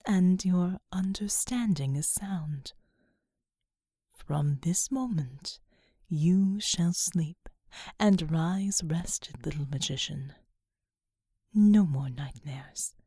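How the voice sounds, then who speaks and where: A woman voicing an ancient, compassionate female angel in whispered role-play, with a low, slow and solemn whisper. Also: dark tone, husky, no room sound, clean studio sound, exaggerated voice. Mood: kind.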